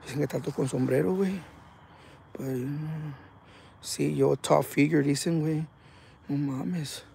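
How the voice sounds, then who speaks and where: A man hosting a live ghost-hunting stream outdoors at night, talking excitably in slang and reading viewer comments aloud. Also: on the high side, a little fast, vocal fry, slight background noise. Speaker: paranormal livestream host.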